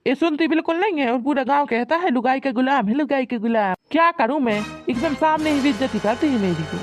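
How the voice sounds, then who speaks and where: A woman's voice: on the high side, close to an everyday voice. A woman voicing a grumbling, henpecked village husband who complains and threatens in rustic dialect in a cartoon. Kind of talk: cartoon voice acting.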